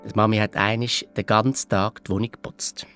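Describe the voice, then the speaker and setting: A man's voice: fairly low pitch, flat delivery, fairly quick, clear, resonant tone. A man with a Swiss German accent narrating a children's audio story in a playful, childlike first person. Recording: dry studio read with soft music.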